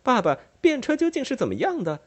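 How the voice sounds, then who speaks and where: A man reading an audiobook, voicing a sweet, naive young woman in a high, quick, gentle voice. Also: huge pitch swings, breathy edge, exaggerated voice. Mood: innocent.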